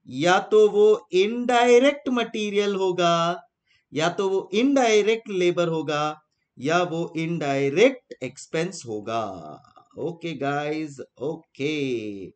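A high-pitched young Indian man teaching a live online class in a bright, lifted voice. He poses questions to his students and answers them himself, repeating key terms slowly so they can write them down.

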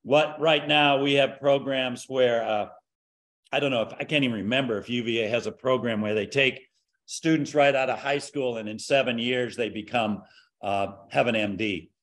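A man in his sixties, a keynote speaker on a video call from a home office, explaining in a measured way that trails off at the ends of sentences. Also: medium pitch, a bit bright. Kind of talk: academic panel discussion. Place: home office with window view.

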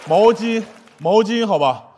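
High, lively man telling a spooky comedy tale. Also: unhurried, big-room sound, some chatter behind, a little hiss or hum. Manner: switches between hushed spooky narration and exasperated protests. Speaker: stand-up comedian. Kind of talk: improvised comedy storytelling on stage. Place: studio stage with live audience.

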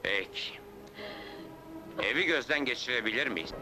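An actor playing a measured, probing police inspector in an old film drama. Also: male voice, medium pitch, lively intonation, music in the background, lightly acted, poor audio. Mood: questioning. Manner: measured, questioning. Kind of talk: 1960s film acting.

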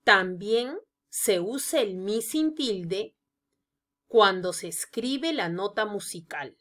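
Her pitch lively, a woman reads a scripted grammar lesson at a slow pace, walking through the examples with deliberate care.

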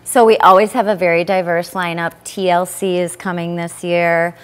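A woman's voice: on the low side, level tone, normal speed, smooth. A woman in her thirties, a guest on live morning TV, speaking in a friendly, informative way, recorded on a lapel mic in a news studio. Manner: friendly, informative promo talk. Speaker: fair public affairs director, guest.

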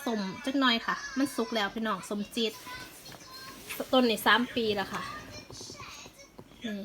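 A woman's voice: a little high, measured pace, bright, forceful tone, slight background noise, poor audio. A woman with an Isan Thai accent chatting in a casual home vlog, explaining plant care step by step. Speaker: vlogger.

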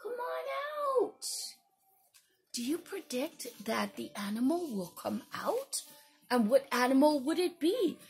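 A young woman teacher reading a picture book aloud to young children, animated, with gasps and whispered asides. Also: high-pitched, a little slow, gravelly, slightly rough, soft background music.

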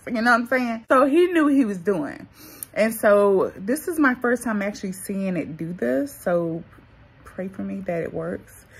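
Young woman, casual vlogger, husky tone, retainers making her speech slightly muffled. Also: on the high side, a bit bright. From North Carolina, USA. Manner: chatty, addresses viewers as y'all and girl. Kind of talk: casual vlog chat.

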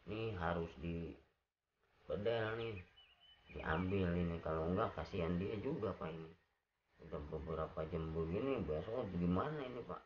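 A man voicing a calm, businesslike hospital doctor. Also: deep voice, moderate pace, dull audio, slight background noise, lightly acted. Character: matter-of-fact hospital doctor.

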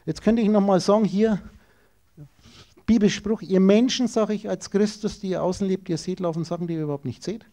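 A man's voice: high-pitched, fairly quick, mellow. A man giving an esoteric lecture, emphatic and rhetorical, speaking straight to his listeners.

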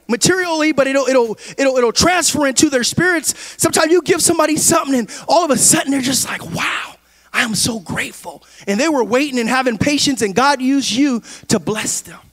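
A middle-aged man preaching a sermon in a large church, on a handheld mic, dropping low and quiet and then rising to shouted preaching. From California. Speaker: pastor.

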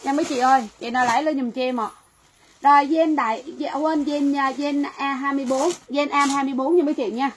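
A Vietnamese woman runs a livestream sales pitch, her voice high-pitched and brisk with fairly even intonation. She chats with viewers and repeats phrases, with faint noise behind her on a rough recording.

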